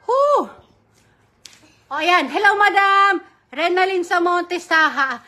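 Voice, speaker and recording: Woman, live-stream host, casual chatty shout-outs, sharp bright tone, very high voice. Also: lively intonation, slow. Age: adult mother. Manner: chatty, reads viewer comments and gives shout-outs. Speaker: livestream host running a giveaway.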